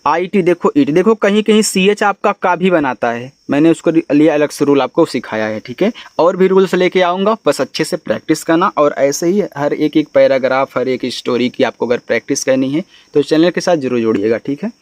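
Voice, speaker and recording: A man teaching an English reading lesson, spelling words out letter by letter and explaining them slowly. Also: fairly high pitch, animated, no echo. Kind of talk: spoken language lesson.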